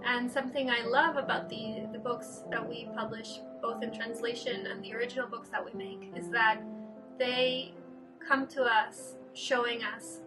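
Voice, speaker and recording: A woman's voice: fairly high pitch, level tone, normal speed, far from the mic, music in the background, low-quality recording. A woman from Argentina, an art director, giving a thoughtful personal statement and searching for words.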